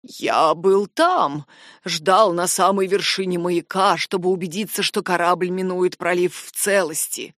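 A woman voicing a grim, shaken nobleman with a hoarse, rasping voice, speaking in slow, halting phrases for an audiobook. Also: fairly low pitch, a bit bright, dry recording, studio quality. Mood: grave. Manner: halting, heavy delivery. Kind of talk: audiobook character voice.

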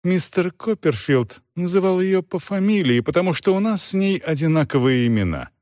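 A man's voice: sits high, big pitch swings, moderate pace, darkish tone, no echo, clean studio sound, pitched above the performer's own voice. A man doing a timid, trembling young widow. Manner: faltering, tremulous and helpless. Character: timid, frightened young pregnant widow, meek and fragile.

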